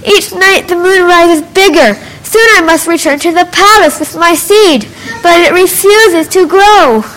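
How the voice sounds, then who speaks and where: Storybook role: a woman doing a loud, hopeful poor boy, high and bright. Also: a little slow. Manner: loud, pleading, excited. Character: eager poor young village boy.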